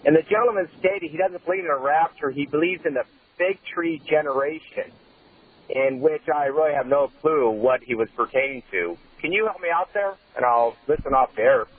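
A man's voice: a little high, a little fast, husky. A man calling in to a radio show over the phone, polite and friendly as he asks his question. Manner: polite and friendly, courteous sign-off. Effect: phone call-in heard over the radio. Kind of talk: call-in question. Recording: tinny phone line.

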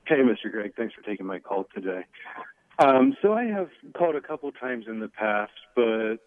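A man's voice: lowish voice, big pitch swings, moderate pace, no echo. A man phoning in to a radio show as a caller, polite and somewhat hesitant, heard over a phone line. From Seattle, Washington area. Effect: phone line call-in audio. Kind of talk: casual call-in question. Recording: tinny dry phone line.

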